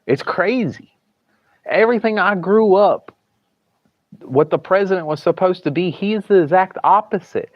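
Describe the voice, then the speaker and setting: A high-pitched man with a thick Southern US accent speaks at a moderate pace, rambling through a casual livestream from a hospital room. He often restarts or trails off into mumbles, and the audio is dry and slightly dull.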